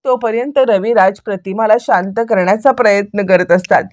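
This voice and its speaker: A woman retelling a television serial episode as a lively, running story recap. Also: medium pitch, moderate pace, no echo.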